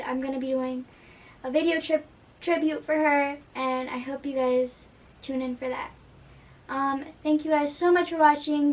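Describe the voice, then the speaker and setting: A woman's voice: high-pitched, recorded from a distance. Chatty young woman, slightly off-mic. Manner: earnest and chatty, with frequent fillers. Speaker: music reaction vlogger. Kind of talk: casual reaction commentary.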